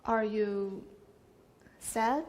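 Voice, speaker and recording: A woman's voice: mid-range voice, extremely slow, a little mellow. A woman student actor playing a lonely widow, drawing out her words mournfully on stage. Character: lonely clinging young widow. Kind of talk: live student theater acting. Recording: echoey stage hall from far off.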